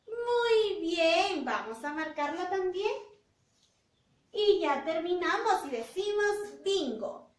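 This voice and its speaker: A woman teacher giving a phonics lesson to young children, drawing out words slowly and praising in a sing-song way. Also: high voice, a bit bright. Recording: roomy echo, voice from a distance.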